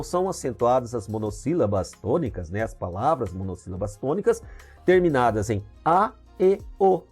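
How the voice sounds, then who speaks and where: A man with a Brazilian Portuguese accent teaching a grammar lesson, explaining step by step and often checking in with "tá?" and "ok?". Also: medium pitch. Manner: lively explaining with many "tá?" and "ok?" checks. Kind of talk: recorded video lesson.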